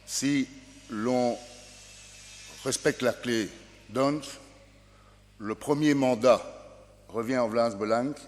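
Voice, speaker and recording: Man, presiding officer, formal announcer, mid-pitched, large reverberant chamber. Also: slow, pauses often. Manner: formal, announcing, with some hesitations. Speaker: presiding officer of a parliamentary session. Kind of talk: formal session chairing. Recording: long hall reverb.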